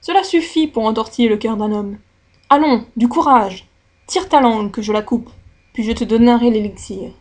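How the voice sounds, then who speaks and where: A scornful old sea witch from a storybook, as a woman reading aloud puts her on. She talks bluntly and with open mockery, making cold threats in a fairly high voice. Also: moderate pace, a little mellow, close to an everyday voice. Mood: menacing.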